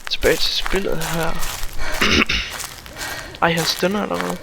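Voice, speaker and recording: A man's voice: a little high, little pitch movement, gravelly, very noisy. A young man rambling and swearing through a solo horror game, jumpy and scared, talking into a desk mic at home. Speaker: gamer. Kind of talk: solo horror let's play commentary. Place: room at home, alone. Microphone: desk mic, no facecam.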